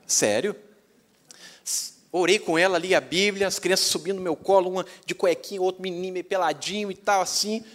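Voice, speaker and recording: A male pastor with a Brazilian Portuguese accent tells a story in a sermon, animated and acting out the dialogue. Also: sits high, brisk.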